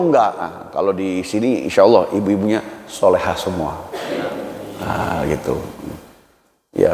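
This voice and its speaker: A man's voice: fairly low pitch, darkish tone. A man preaching a humorous mosque sermon, chatty and joking as he acts out little dialogues. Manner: jokey and conversational, acts out dialogues. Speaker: ustaz preacher. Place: mosque hall. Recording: echoey hall reverb.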